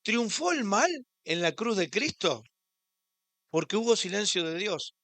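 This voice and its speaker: Impassioned Argentine pastor, high-pitched man. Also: sing-song, a little slow, a bit bright, dry recording. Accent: Argentine Spanish. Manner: impassioned, rising on rhetorical questions. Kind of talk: sermon. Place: church.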